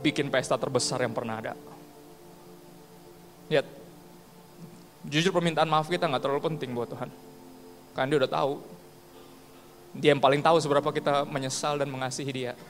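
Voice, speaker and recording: A man's voice: a little high, fairly even intonation, fast, long pauses. A male pastor with an Ambonese accent, preaching casually in slang and acting out conversations. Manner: casual slang-filled preaching, acts out dialogue. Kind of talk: sermon. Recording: long hall reverb with faint music.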